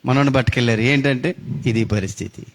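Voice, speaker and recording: Guy preaching in a church hall, dramatic storyteller, voice rings out with long echo. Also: fast. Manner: dramatic storytelling with big swings in pitch. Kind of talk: sermon.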